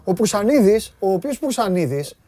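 A man hosting a casual sports talk show, rambling in an animated way and laughing often. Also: sits high.

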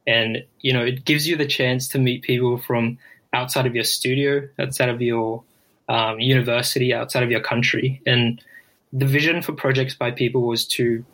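A man, speaking in a halting, reflective way as a guest in a casual podcast interview. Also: medium pitch, a bit bright. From Brisbane, Australia. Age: 20s.

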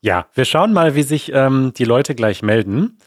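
A man co-hosts a live podcast in a relaxed, easygoing manner. He talks slowly at a mid pitch, and the sound is dry, with little room echo. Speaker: podcast co-host. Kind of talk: casual live podcast chat.

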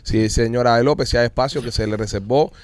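A man's voice: mid-range voice, fairly even intonation, quick pace, slight background noise. A man, co-hosting a podcast, teasing his friends and telling stories with playful sound effects. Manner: teasing, storytelling with sound effects and shouted catchphrases. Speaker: podcast co-host. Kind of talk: rowdy casual banter.

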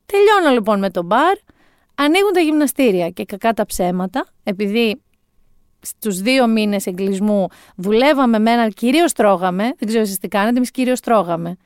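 A woman's voice: a little high, lively intonation, clear, resonant tone, no room sound. A woman in her forties telling a comic story in a wry, self-mocking way, close to the mic. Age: 40s. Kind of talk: comic monologue.

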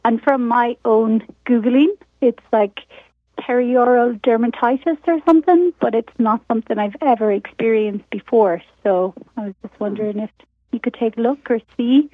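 An Irish woman calls in to a radio show, her voice squeezed thin through a phone line. She talks casually and chattily, dotting her sentences with "like", in a fairly high voice. The line is dry, with no room sound around her. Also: normal speed, no echo. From Ireland. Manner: chatty and casual, with frequent fillers like "like". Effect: caller heard over a phone line. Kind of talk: casual chat.

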